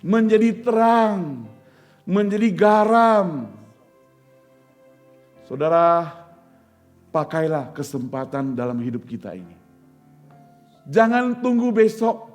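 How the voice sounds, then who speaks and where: An earnest male pastor with a high-pitched voice, preaching in a church. He presses his point with repeated rhetorical questions, and soft music plays faintly behind him. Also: expressive, slow, long pauses. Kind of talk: sermon with storytelling.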